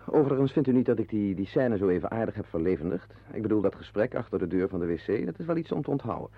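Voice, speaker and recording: Here a lowish, animated male voice speaks fast in a dry recording, playing an animal-loving former artist who is a wry, brooding, henpecked husband. Confiding his rueful musings to the listener, he is heard in an old Dutch radio play with muffled, band-limited sound.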